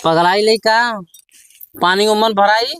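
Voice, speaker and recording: A man's voice: sits high, takes it slowly, a bit bright, clear, resonant tone, no echo. A man playing a drunken, stubborn village husband in a comedy sketch, muddled, repetitive and scolding in an Awadhi accent. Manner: town drunk's muddled, repetitive, belligerent talk. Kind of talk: rural comedy sketch acting. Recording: noisy background with clicks.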